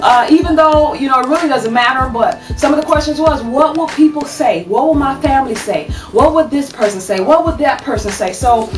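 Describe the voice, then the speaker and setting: Woman, 30s, advice vlogger. High voice, preachy and animated, echoey home room, far from the webcam. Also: a little fast, hardly any pauses, over music. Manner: animated, preachy, says "okay?" often. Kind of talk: casual advice talk to camera. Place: small room at home, indoors. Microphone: webcam at desk distance.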